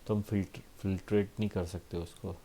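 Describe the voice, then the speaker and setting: A man teaching a school science lesson, explaining patiently with frequent tag questions and reading textbook lines slowly. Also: low-pitched, level tone, mellow, slight background noise. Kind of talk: classroom lesson.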